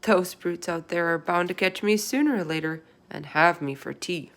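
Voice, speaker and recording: A woman's voice: on the low side, moderate pace, a bit bright. A woman voicing a small, plucky, inquisitive orphan girl in a storybook, speaking in a matter-of-fact way. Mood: resigned.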